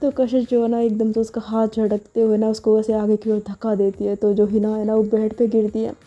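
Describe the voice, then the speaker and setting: A woman's voice: mid-range voice, level tone, a little fast, warm tone, highs cut off. Woman narrating a story in a casual tone. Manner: conversational, with frequent filler 'na'.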